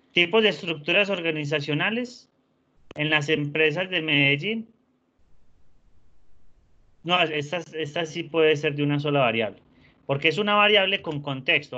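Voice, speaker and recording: A man teaching an online class, patient and encouraging, often softening words with diminutives. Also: on the high side. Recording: dull lo-fi sound.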